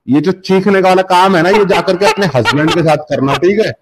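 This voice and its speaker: A man's voice: high-pitched, crowd noise. A man hosting a heated online debate stream, badgering and insulting his opponent.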